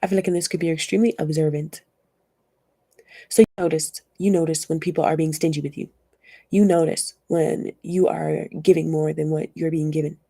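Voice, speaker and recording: A young woman talks her way through a casual tarot reading in a rambling, chatty manner, often laughing along. Her voice sits low and dark, with a gravelly, husky edge. The sound is dry and close, with no room in it. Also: steady tone, a little fast, no echo. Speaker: tarot reader.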